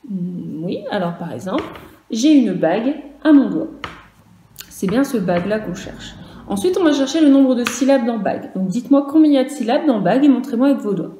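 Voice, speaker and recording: A woman teaching first graders in a recorded online class, sounding out each syllable and letter clearly and patiently, and now and then speaking to the parents. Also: fairly high pitch, expressive, brisk, warm tone, echoey room, slight background noise. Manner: speaks to children and parents in turn. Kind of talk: recorded virtual class lesson.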